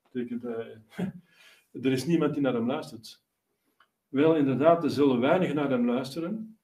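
A man's voice: mid-range voice, normal speed, dark tone. A male priest preaching a sermon, explaining at length with many fillers and restarts. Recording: roomy echo, voice from a distance.

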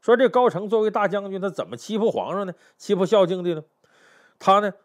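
A man telling history stories in a chatty way, often asking the listener rhetorical questions. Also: fairly high pitch. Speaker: history storyteller. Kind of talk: storytelling history talk.

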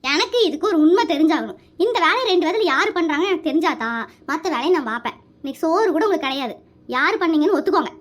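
A woman voicing a strict, fed-up mother in a cartoon family comedy who scolds her sons with a sharp tongue. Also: very high voice, expressive, quick pace. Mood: scolding.

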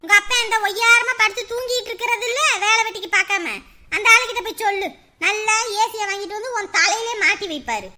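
A woman playing a sharp-tongued mother who scolds and mocks in a family drama. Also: very high voice, fast talker, heavily acted. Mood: scolding. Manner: scolding, mocking.

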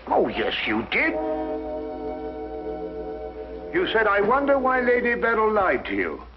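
An actor playing a dutiful police inspector with an English accent, formal, earnest and a little hesitant, in a 1950s mystery drama. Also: male voice, sits high, huge pitch swings, normal speed. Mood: puzzled. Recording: dull 1950s soundtrack with music.

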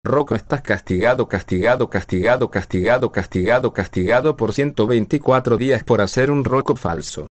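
Casting: male TTS voice as a stern punishing friend, mid-pitched, dry sound. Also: fairly quick, hardly any pauses, no echo, close to an everyday voice. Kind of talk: text-to-speech cartoon fan video.

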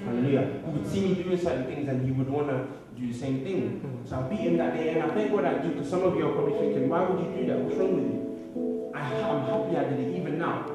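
A young man with a fairly high voice tells his testimony to a church congregation, repeating "hallelujah" and "amen" between sentences. He is picked up from a distance in a large, echoing hall with a long reverb. Music plays loudly behind him. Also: fast. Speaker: church speaker giving testimony. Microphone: handheld microphone. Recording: echoey hall recorded from afar.

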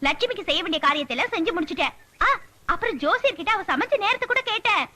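An actress playing a sharp-tongued young village woman, bossy and caring, in quick-witted film dialogue. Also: very high voice, lively intonation, full character voice. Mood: confident. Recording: film soundtrack with music behind.

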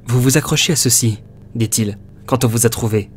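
A man voicing a calm, matter-of-fact doctor who explains things politely to a patient in an audiobook. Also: medium pitch, brisk, slightly rough, soft background music, close to an everyday voice.

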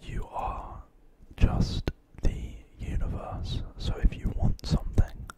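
A young man whispers a pep talk right up against a studio microphone. His voice is all breath, with no tone behind it. He rambles gently and reassuringly, like someone sharing ASMR affirmations. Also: rough recording. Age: 20s. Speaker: ASMR creator. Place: small quiet bedroom. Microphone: close large studio microphone on desk.

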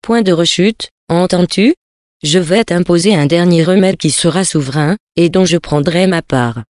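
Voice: medium pitch, normal speed, darkish tone, no echo, clean studio sound, close to an everyday voice. Reader doing a brash, jaunty adventurer. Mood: jaunty, ironic. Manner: bold, ironic, hearty.

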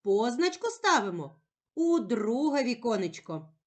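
Slow, sing-song woman teacher. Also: fairly high pitch, sing-song. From Ukraine. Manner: slow, clear, sing-song speech that stretches sounds. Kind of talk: scripted lesson narration for young children.

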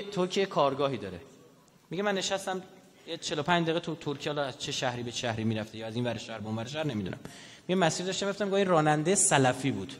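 A man giving a public religious lecture, telling stories in an animated way and putting questions to the audience. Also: a little high. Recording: echoey hall reverb.

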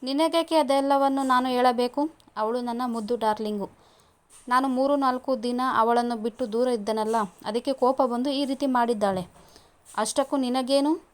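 A woman's voice: a little high, steady tone, moderate pace, natural voice. A woman voicing a playful young man who teases a woman, read in a story. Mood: teasing.

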